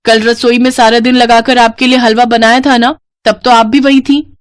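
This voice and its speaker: A woman voicing a lazy young wife in a cartoon story, pitching her voice up and pleading. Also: level tone, moderate pace, dry recording, lightly acted. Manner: raised, pleading and whiny.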